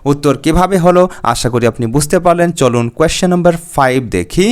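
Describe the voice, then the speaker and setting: A man's voice: fairly high pitch, smooth. Male teacher, patient. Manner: explains patiently, repeats key terms and asks rhetorical questions; reads English option text slowly and deliberately. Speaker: exam-prep teacher. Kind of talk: exam-prep lecture.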